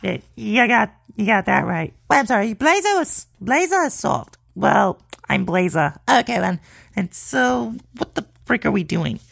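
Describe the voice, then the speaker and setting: A woman chatting excitedly while voicing plush characters in a casual reaction video. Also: mid-range voice, normal speed, creaky, slightly rough, no echo, clean studio sound. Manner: excitable, squealing with delight.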